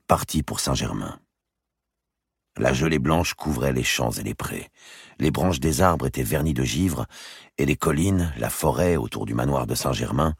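Very deep, gravelly male storyteller. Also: no echo, studio quality. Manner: measured storytelling. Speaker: audiobook narrator. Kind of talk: scripted narration of a historical novel.

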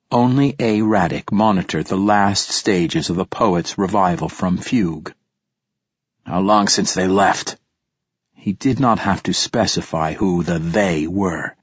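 A man narrating an audiobook in a measured, even storytelling manner. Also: deep voice, slightly rough, no room sound, highs cut off. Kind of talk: scripted narration.

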